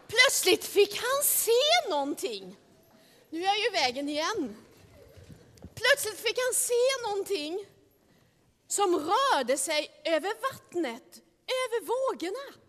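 A woman telling a Bible story to children in a lively way, talking directly to her listeners, in a large hall. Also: extremely high pitch.

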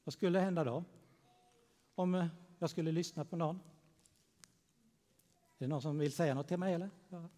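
Gentle pastor in a reverberant church. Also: male voice, fairly high pitch, fairly even intonation, long pauses. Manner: gentle, storytelling, addressing children. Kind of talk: children's sermon in church.

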